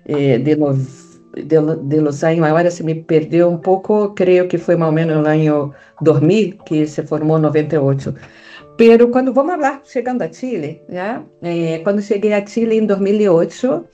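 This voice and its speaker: In a lo-fi recording, a mellow mid-range female voice carries a Brazilian Portuguese accent. She is a middle-aged psychologist and foundation founder from Brazil, responding thoughtfully to interview questions with plenty of hesitant fillers.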